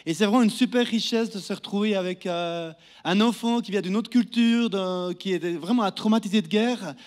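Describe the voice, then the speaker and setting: A man's voice: sits high, moderate pace. A man in his thirties with a Neuchâtel Swiss French accent, a down-to-earth guest preacher addressing a church congregation and asking them questions. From Neuchâtel, Switzerland. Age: 30s. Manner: friendly, down-to-earth, speaks to the crowd with questions. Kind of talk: sermon introduction to a congregation. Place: church hall.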